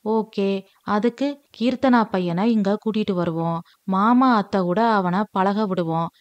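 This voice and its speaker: A woman's voice: mid-range voice, measured pace, muffled recording, lightly acted. A woman reading aloud, voicing a fond, easygoing young husband in a story recording. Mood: bantering.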